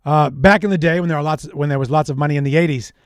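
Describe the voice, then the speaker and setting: A man's voice: on the high side, racing, dry recording. A man hosting a live radio show, chatty and reflective, speaking into a studio microphone. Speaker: radio DJ host.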